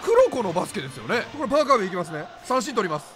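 A young man with a Kansai accent commentating his own gameplay, loud and excitable, breaking into rapid repeated exclamations. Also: sits high, very noisy. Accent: Kansai Japanese. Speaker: game YouTuber. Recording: game music behind the voice.

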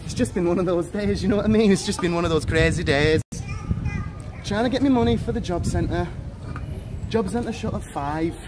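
A young adult man with a high-pitched voice talks at normal speed while livestreaming on a city street. As an IRL streamer holding the camera at arm's length, he jokes and chats with strangers in casual banter, with outdoor street noise around him.

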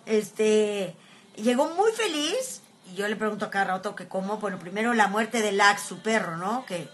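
A woman's voice: mid-range voice, animated, moderate pace, a bit bright. A middle-aged woman with a Mexican accent hosting a casual phone livestream, chatting and exclaiming as she answers viewers' comments. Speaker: livestream host.

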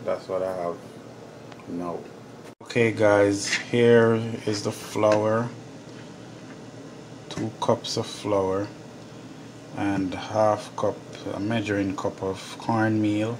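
A Jamaican man talks slowly through his home cooking, his low voice staying flat and unhurried as he explains each step to viewers. The phone recording picks up clear kitchen noise, with pots boiling in the background. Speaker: home cooking show host. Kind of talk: casual cooking vlog. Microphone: phone camera held over the stove. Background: pots boiling and sizzling.

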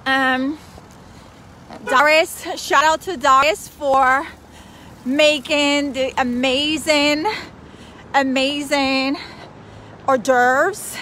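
A woman in her forties, a financial advisor, live-streaming an excited, chatty vlog on her phone while walking down a city street. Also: sits high, very slow, pauses often. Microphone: phone at arm's length. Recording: faint traffic noise outdoors. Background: street traffic.

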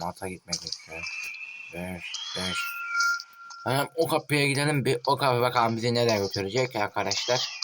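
An excitable man talks his way through a horror game, his voice jumping up whenever something startles him. He grumbles and swears at the screen between scares. The phone recording sits under a loud wash of noise and clicks. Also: sits low. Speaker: gaming channel host. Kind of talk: casual horror game let's play. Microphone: phone mic.

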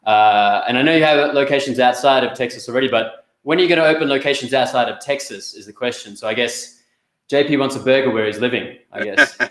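A man's voice: mid-range voice, fast, a bit bright. A young man hosts an online interview, friendly and upbeat as he passes along audience questions. His voice comes through a webcam mic in a noticeably echoey room, with a few restarts as he goes. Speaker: host. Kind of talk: business video interview. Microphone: webcam on a video call. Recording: echoey room on a video call.

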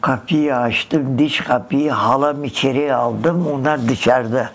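Slow-spoken elderly woman storyteller. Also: a bass voice. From Dersim, Turkey. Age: older. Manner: slow, emotional, acts out the old dialogues. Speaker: interviewee, massacre survivor. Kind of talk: personal storytelling.

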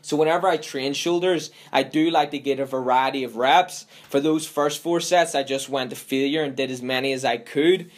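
A man's voice: mid-range voice, normal speed, few pauses. Chatty young man. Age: young adult. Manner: relaxed, chatty, swears casually. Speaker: fitness vlogger. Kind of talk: casual vlog narration. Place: gym, parked car, home kitchen.

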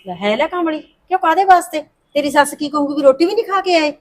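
An actress plays a middle-aged mother who keeps calming her daughter. She talks quickly and sits a little high, pleading and soothing. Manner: soothing, pleading, says "puttar" a lot. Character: soothing middle-aged mother smoothing over family quarrels. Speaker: the heroine's mother.

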